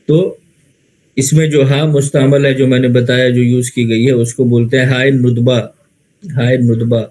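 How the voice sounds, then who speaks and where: A man's voice: mid-range voice, little pitch movement, mellow, poor audio. A man with an Indian Urdu accent teaching Arabic grammar in a lecture, patiently repeating terms and answering his own questions.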